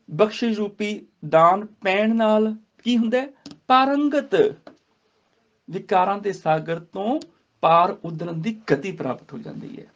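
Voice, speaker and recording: A man teaching a scripture grammar class at a gurdwara, chanting verses slowly and then explaining them word by word. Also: high voice. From India. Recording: dull lo-fi recording.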